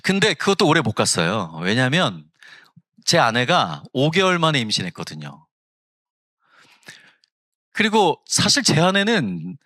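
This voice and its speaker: A pastor in his fifties from South Jeolla, preaching a funny, story-driven sermon in church. His voice is bright and forceful, with lively pitch that rises and falls. The sound is dry and close. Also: dry recording. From South Jeolla, Korea. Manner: humorous, acts out family quotes. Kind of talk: storytelling sermon at a Friday prayer service. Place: church sanctuary.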